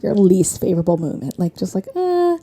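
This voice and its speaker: Chatty young woman with a mellow voice. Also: on the low side, fairly quick. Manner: chatty, animated storytelling with slang. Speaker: podcast host. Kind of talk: casual podcast chat. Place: office studio.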